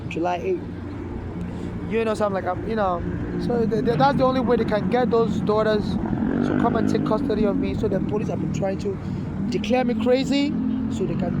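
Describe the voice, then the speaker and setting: A man, making a rambling, urgent appeal straight to camera outdoors, stammering and repeating himself as he restarts his sentences. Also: high-pitched. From Nigeria. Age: 40s. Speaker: street vlogger appealing for donations. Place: outdoors on a city street. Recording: loud street traffic noise outdoors.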